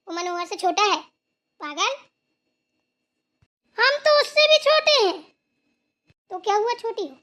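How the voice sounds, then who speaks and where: A woman voicing a bossy, teasing old grandmother in a cartoon, with quick, blunt retorts. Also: very high voice, a bit bright. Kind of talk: Hindi cartoon voice acting.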